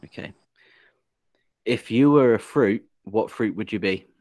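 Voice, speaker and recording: Hosting a casual interview podcast, this Englishman from England jokes around, laughs a lot, and teases his guest with questions. He speaks at a measured pace in a lowish, darkish-toned voice.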